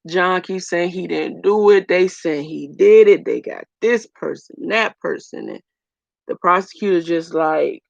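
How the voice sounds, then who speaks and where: Gravelly-voiced woman telling her story. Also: lowish voice, lively intonation, measured pace, dry recording. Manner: earnest, talks straight to viewers, speeds up in bursts. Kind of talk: emotional personal storytelling to camera. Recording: dull lo-fi dry sound.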